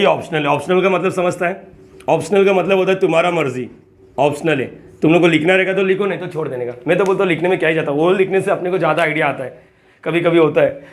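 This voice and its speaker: A man teaches a math lesson in an easy, chatty way. He repeats key words, counts items aloud one by one and keeps asking his students questions. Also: a little high. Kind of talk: casual classroom-style lesson.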